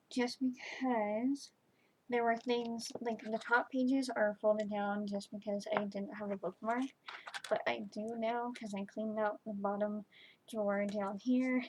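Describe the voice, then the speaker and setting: A woman giving a chatty, informal book review to camera, halting and often trailing off mid-thought. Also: a little high, background noise. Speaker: book reviewer, video host.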